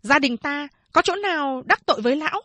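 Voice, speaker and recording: Woman playing a shrill, furious shrew. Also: animated, bright, forceful tone, dry recording. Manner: shrill, scolding, rapid accusations. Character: shrewish middle-aged woman official, furious, scolding.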